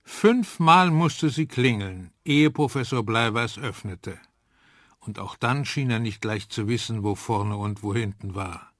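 A man calmly narrating a children's story in a measured way. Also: on the low side, no room sound, clean studio sound.

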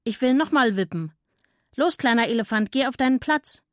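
A woman reading a storybook and voicing a cheeky male monkey who talks brash, quick and loud. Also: fairly high pitch, expressive, no echo, clean studio sound, voice pushed up. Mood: pushy.

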